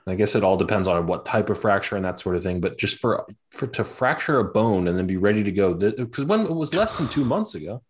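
A man's voice: fairly low pitch, big pitch swings, fast talker, few pauses, breathy edge. A man co-hosting a basketball podcast in casual chat, with teasing, wry banter. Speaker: podcast co-host.

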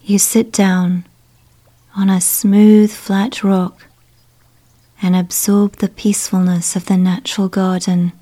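A woman guiding a relaxation exercise in a soft, hushed voice that often drops to a whisper. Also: mid-range voice, level tone, slow pace. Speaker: meditation guide. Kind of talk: guided relaxation narration.

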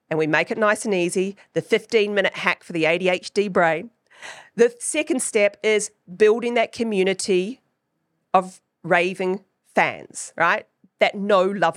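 A woman with a New Zealand accent hosts her own podcast, her medium-pitched voice recorded with studio quality and no room sound. She teaches in a chatty style, constantly checking in with "right?"

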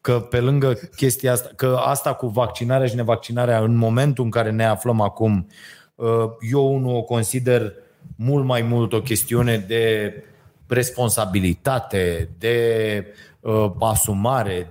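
Male co-host, mid-range voice, animated anecdotes, mimics callers. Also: medium pitch. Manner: animated, acts out callers in a raised voice. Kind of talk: casual political chat.

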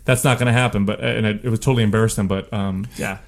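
A man's voice: on the low side, fairly even intonation, fast talker, creaky. A man co-hosting a podcast, telling anecdotes in a blunt, slangy, casual way. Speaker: podcast co-host.

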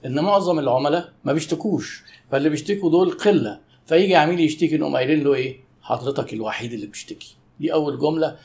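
A customer service trainer with an Egyptian Arabic accent talks fast in a gravelly, fairly high voice. He teaches to camera in a lively way and acts out the lines of customers and staff. It sounds like an animated, practical lesson. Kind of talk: educational talk to camera.

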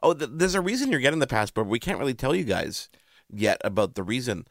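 A man's voice: medium pitch, big pitch swings, fast talker, a bit bright, no echo, clean studio sound. A man hosting a radio show in casual chat, chatty and playful, often interrupting himself.

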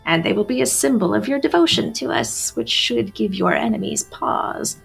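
A woman's voice: medium pitch, lively intonation, normal speed, vocal fry, husky, soft background music, exaggerated voice. A woman voicing a tired old crone of a winter court, speaking formally. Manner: formal, weary.

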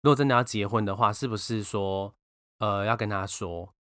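A man with a Taiwanese Mandarin accent, co-hosting a casual podcast chat and telling a family story with animated bursts of laughter. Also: lowish voice, fairly quick, dry recording, clean studio sound. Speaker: podcast co-host.

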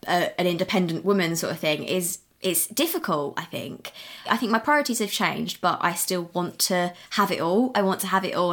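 A woman in her twenties, a new mum talking openly and with animation as a podcast guest. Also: fairly low pitch. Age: 20s. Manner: open, animated, quick with asides. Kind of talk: candid interview chat.

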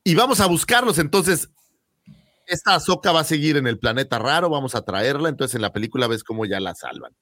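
A man's voice: on the high side, lively intonation, a little fast, a bit bright, dry recording, clean studio sound. A man with a Mexican accent co-hosting a casual podcast chat, joking and slangy. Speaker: podcast co-host.

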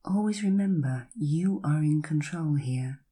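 A woman leading a guided hypnosis session, speaking in a soft, breathy voice with slow, soothing, drawn-out phrases and long pauses. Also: low-pitched, animated.

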